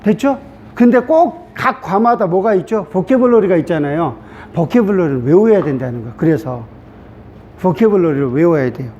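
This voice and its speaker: A man's voice: lively intonation, brisk, warm tone. A middle-aged man, a pastor, giving a chatty classroom lecture on the Greek alphabet, checking in with the class often. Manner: chatty, repetitive, asks class "됐죠?". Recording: dull low-fi sound with faint hiss.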